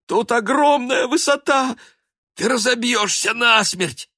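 A man's voice: low-pitched, sing-song, takes it slowly, creaky, breathy edge, dry recording, studio quality, exaggerated voice. A man voicing a clumsy, kind-hearted male dog who pleads in a whiny voice in a storybook. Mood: whining.

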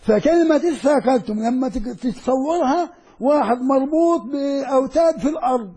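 An older man delivers a classroom lecture in a strikingly high, husky voice with a mellow, dark tone. He explains slowly and repeats key words, drawing them out as he goes. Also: animated. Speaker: Quran lecturer.

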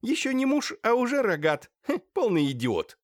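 A man voicing a shrill, hysterical middle-aged woman who hurls venomous insults. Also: wildly swooping pitch, moderate pace, dry recording, studio quality, exaggerated voice. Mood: furious, spiteful. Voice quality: shrill, screeching. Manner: venomous insults, theatrical outbursts.

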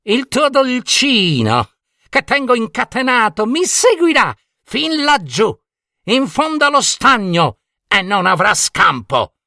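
A man's voice: huge pitch swings, slow, bright, forceful tone, no room sound, studio quality, full character voice. A man playing a cackling wicked witch queen. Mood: menacing. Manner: cackling, mocking, shrill.

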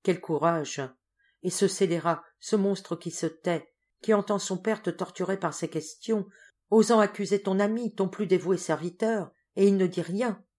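A woman's voice: medium pitch, moderate pace, a little mellow, close to an everyday voice. Woman voicing a fervent devoted young man. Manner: fervent, emphatic declarations. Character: earnest devoted young man, deeply moved.

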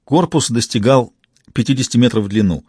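A man narrating an adventure novel in a calm, even storytelling manner. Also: mid-range voice, fairly quick, slightly rough, no room sound, studio quality. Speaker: audiobook narrator. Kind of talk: scripted narration.

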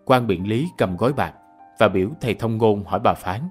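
Low-voiced male storyteller. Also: brisk, faint music behind. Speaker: narrator. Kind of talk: radio drama narration.

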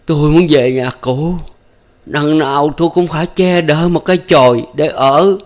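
A man voicing a bitter, wounded young peasant who cries out in a strained, high voice. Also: normal speed, close to an everyday voice. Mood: subdued.

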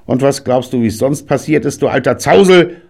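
A man's voice: low voice, very animated, moderate pace, creaky, warm tone, breathy edge, pitched above the performer's own voice, heavily acted. A man reading an audiobook and voicing a rowdy poker player who fires back with mocking retorts. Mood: cheeky. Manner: cheeky, retorting.

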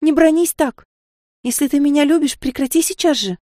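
A woman's voice: a little high, lively intonation, normal speed, dark tone, no room sound, clean studio sound, pitched above the performer's own voice, natural voice. A woman voicing a naive sixteen-year-old maid, dreamy and tearful, who chatters in a breathless, pleading way. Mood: tearful distressed.

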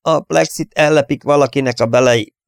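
A man voicing a shocked young male bombardier who shouts in alarm. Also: medium pitch, vocal fry, clear, resonant tone, dry recording, studio quality, pitched above the performer's own voice, close to an everyday voice. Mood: shaken.

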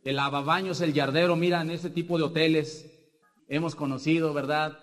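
A man's voice: fairly high pitch, steady tone, moderate pace, big-room sound. A man with a Mexican accent giving a rambling motivational testimony as a business speaker, tagging nearly every point with a question. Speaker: business speaker sharing success story.

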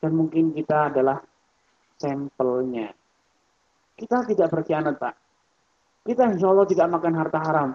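A man giving a religious study lecture on economics. He talks in a lively, rhetorical way, addresses his listeners directly, and mimics the people he quotes. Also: on the high side, normal speed, pauses often. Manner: mimics other people's voices when quoting them. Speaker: Islamic scholar and lecturer. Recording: muffled lo-fi lecture recording.

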